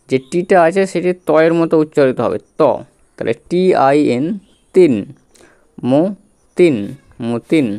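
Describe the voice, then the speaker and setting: A man's voice: on the high side, mellow, clean tone. A man teaching English reading step by step, spelling words letter by letter and quizzing his students as he goes. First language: Bengali. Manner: patient, repetitive, spells out letters and quizzes the viewer.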